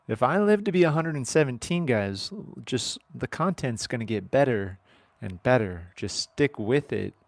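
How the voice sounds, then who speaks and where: A man in his thirties hosts a casual live stream while working outdoors on his farm. His voice sits in an ordinary middle pitch and the sound is dry, with no room echo. He rambles from topic to topic and keeps throwing joking asides to the people watching. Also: expressive, normal speed. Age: 30s. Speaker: livestream host.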